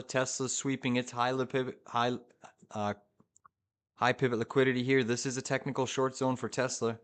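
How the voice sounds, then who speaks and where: A man hosting a live trading stream, giving urgent, hyped commentary to viewers in short repeated phrases. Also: mid-range voice. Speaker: live-streaming day trader, host.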